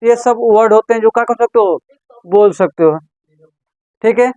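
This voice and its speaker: This male English teacher's voice sits high yet has a darkish, smooth tone, and he talks at a normal speed. He leads repetitive call-and-response drills and quizzes the class. There's no room sound, but the high frequencies are cut off.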